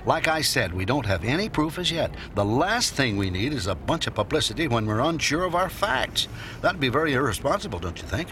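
Calm sensible guy, lively voice, radio play. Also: mid-range voice, fairly quick, a little hiss or hum. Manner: level-headed, patient. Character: calm, patient, sensible man. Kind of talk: radio drama acting.

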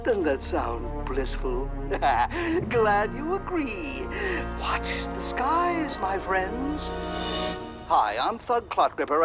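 Man doing a cackling wrestling-manager mad scientist, gloating, slow and swooping, music behind. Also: high-pitched, heavily acted. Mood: grandiose. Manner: gloating, theatrical, frequent cackling. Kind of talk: comedic audio drama acting.

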